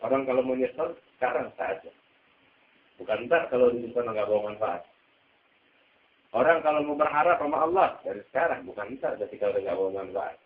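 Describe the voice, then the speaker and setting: A man's voice: medium pitch, a little fast, roomy sound, narrow, tinny audio. A man preaching a sermon, telling a story dramatically and acting out its voices, mixing Arabic recitation with casual speech.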